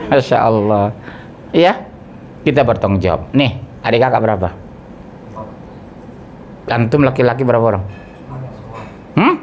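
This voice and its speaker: A middle-aged man, a preacher, leading an interactive religious study and quizzing his listeners. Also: medium pitch. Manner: questions the audience, lively, jokes. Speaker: ustadz, preacher.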